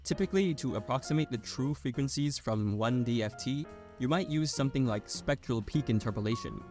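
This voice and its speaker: A man narrates a scripted technical explainer for an educational video, speaking directly to the listener. His mid-range voice is a little mellow and slightly fast with lively intonation, and faint music plays behind him.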